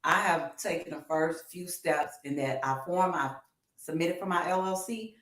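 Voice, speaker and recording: Co-hosting a relaxed livestream about music, a woman in her fifties addresses viewers directly with animated encouragement. She speaks at a normal speed in a voice on the low side with a fairly bright tone, and the audio has a roomy echo.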